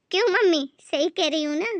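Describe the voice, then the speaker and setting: A woman's voice: very high voice, no room sound, voice pushed up. A woman doing a snobbish taunting young sister-in-law. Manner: drawling, taunting.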